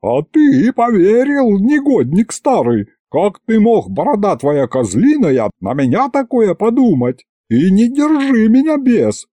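A man voicing a loud, tearful older village woman who wails in folksy speech. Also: wildly swooping pitch, unhurried, few pauses, no room sound, clean studio sound, heavily acted. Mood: wailing. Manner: shrill wailing, folksy speech.

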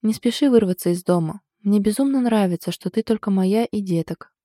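A woman's voice: mid-range voice, a little fast, dark tone, no room sound, lightly acted. A woman reading the lines of a fond, ironic husband in an audiobook. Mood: wry fond. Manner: dry, ironic, affectionate. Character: teasing husband, a man, fond and wry.

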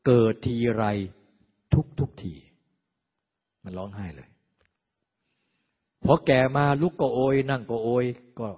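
Man, dharma teacher, husky voice, long hall echo, muffled lo-fi sound, rhetorical questions. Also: medium pitch, expressive, takes it slowly, long pauses. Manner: acts out quoted voices. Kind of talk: dharma sermon. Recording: dull lo-fi with long hall reverb.

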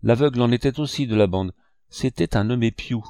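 A man's voice: on the low side, expressive, a little slow, a little mellow, dry recording, clean studio sound. Man doing an eager young ship's boy. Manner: eager, earnest exclamations.

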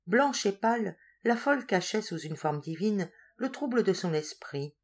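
A woman narrating a literary story in a measured, expressive reading voice. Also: mid-range voice. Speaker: audiobook reader. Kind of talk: scripted narration.

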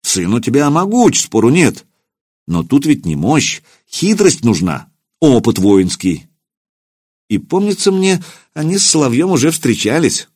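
A man's voice: mid-range voice, very animated, measured pace, a little mellow, slightly rough, no echo, clean studio sound, pitched above the performer's own voice. A man voicing a proud, imperious grand prince who speaks in a commanding, irritable way.

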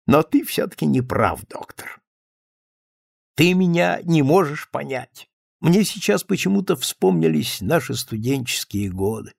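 Man doing a drunk confessing friend, maudlin, lively swinging pitch, gravelly edge, dry close sound. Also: a little slow, no echo, heavily acted. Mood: maudlin, boastful. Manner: maudlin, emphatic drunken pleading. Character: drunken, self-pitying male friend confessing. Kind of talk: audiobook character reading.

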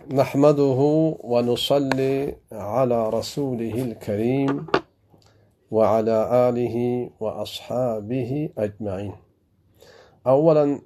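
Afghan-born teacher, man, explains grammar slowly, dark warm tone, repeats examples. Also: medium pitch, slight background noise. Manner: deliberate, repeats each example several times. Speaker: religious teacher. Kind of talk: grammar lesson.

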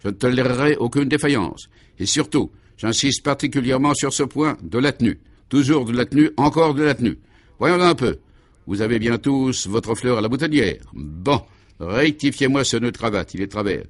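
A man voicing a dapper, fastidious police commissioner in his fifties in a vintage radio play, speaking in a clear, crisp, commanding way. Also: mid-range voice, animated, close to an everyday voice. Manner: crisp, commanding, fussily precise.

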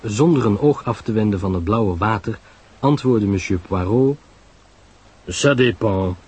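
Husky male radio play narrator. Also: fairly low pitch, normal speed, darkish tone.

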